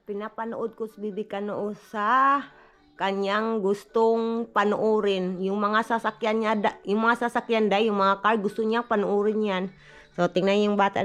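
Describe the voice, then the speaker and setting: A woman from the Philippines, chatting casually in a home vlog as a mother, constantly addressing her viewers as "day" and "inday". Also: medium pitch. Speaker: vlogger mother. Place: at home indoors.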